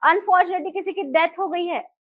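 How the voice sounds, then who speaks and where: A woman's voice: very high voice, fairly quick, dry recording, phone-quality sound. A woman teacher giving a live class, explaining and putting questions to her students in a mix of Hindi and English.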